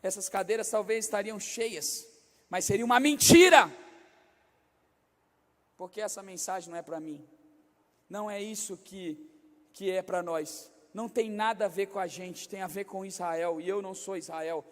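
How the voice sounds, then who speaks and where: A middle-aged Brazilian pastor with a Rio de Janeiro accent, his voice pitched strikingly high for a man. He preaches in a large church hall, where a long reverb trails every phrase. He drops into soft, confiding asides, then climbs to shouted exhortation. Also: moderate pace. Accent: Brazilian Portuguese, Rio de Janeiro state. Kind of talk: sermon.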